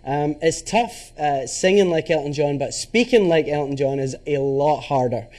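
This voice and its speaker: A man's voice: on the high side, moderate pace, darkish tone. A man from Scotland with a Glasgow accent, chatting upbeat as a tribute performer on morning TV. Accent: Scottish, Glasgow. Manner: upbeat, chatty, laughs easily. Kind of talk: morning TV interview.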